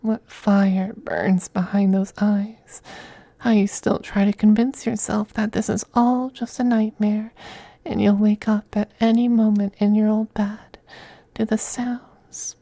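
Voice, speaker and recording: In this intimate ASMR roleplay, a man plays a possessive femboy vampire who teases softly and breathily, often in a whisper, with coaxing, condescending tenderness. His exaggerated voice is high and gravelly, recorded with no echo.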